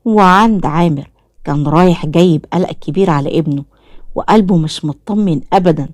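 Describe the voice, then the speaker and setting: A woman with an Egyptian accent narrates a dramatic story. Her voice sits on the low side and her delivery is scripted storytelling. The recording is dry and close. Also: fairly quick, darkish tone, no room sound. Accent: Egyptian Arabic.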